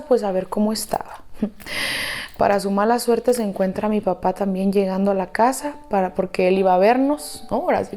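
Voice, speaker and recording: A woman's voice: mid-range voice, mellow. A woman with a Mexican accent telling a dramatic personal story in a confiding, sisterly way. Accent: Mexican Spanish. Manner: confiding, dramatic, addresses listener as "hermana". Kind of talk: storytime narration over slime video.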